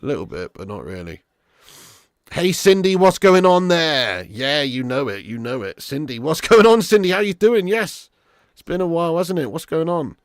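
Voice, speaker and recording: Animated, high-pitched British football streamer guy. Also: normal speed, no room sound, clean studio sound. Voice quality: raspy, smoker's laugh. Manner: animated, sweary, blokey, matey address. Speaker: football watch-along live streamer. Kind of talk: live match commentary and casual chat with viewers.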